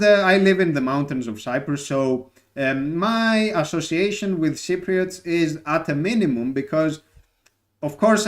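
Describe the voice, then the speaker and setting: A young man from Greece, a native Greek speaker, talking through a live stream with slightly raised pitch. He thinks aloud, pausing often with fillers, in a casual, reflective way. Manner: thoughtful, many filler pauses.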